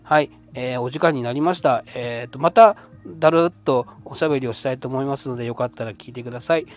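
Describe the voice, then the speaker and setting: A man in his fifties hosts a solo podcast and spins a personal anecdote at an unhurried pace. His delivery is loose and chatty, full of little fillers and restarts. His voice sits at an ordinary middle pitch, with faint music behind it. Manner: relaxed and rambling, with frequent fillers. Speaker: podcast host. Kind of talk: casual storytelling monologue.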